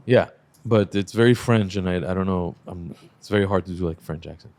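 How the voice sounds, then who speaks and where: A man hosting a car podcast in casual chat, relaxed and swearing freely, laughing often. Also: low voice, fairly quick, no echo. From Lebanese Armenian family. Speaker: podcast host.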